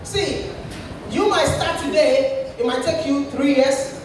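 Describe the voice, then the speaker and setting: A man giving a lively motivational talk to an audience, animated, repeating himself and laughing often. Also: very high voice, takes it slowly, a little hiss or hum. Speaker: speaker at a creators' session. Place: indoor event room with audience. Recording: echoey event hall, from far off.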